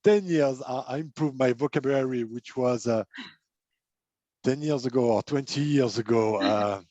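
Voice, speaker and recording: A male life and business coach, not a native English speaker, hosts a casual interview chat. His medium-pitched, dark voice is hesitant, full of fillers and repeated words, and the sound is muffled and dead with no echo.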